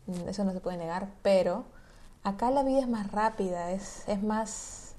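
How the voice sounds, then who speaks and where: A woman's voice: mid-range voice, normal speed, a little hiss or hum. A woman from Peru, a graduate student chatting fluently and at length in a casual conversation. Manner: fluent, talkative, lively storytelling. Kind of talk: casual chat.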